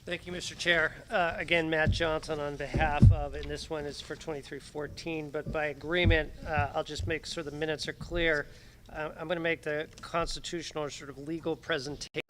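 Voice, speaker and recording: A man speaking as an attorney, giving a measured, procedural legal presentation to a town board at a public meeting. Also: a little high, flat delivery, noisy background. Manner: measured, procedural, many fillers. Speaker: attorney for applicants. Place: town hall meeting room.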